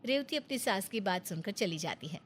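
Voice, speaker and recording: A woman narrating a storybook tale in a steady, plain manner. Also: mid-range voice, a little fast, husky.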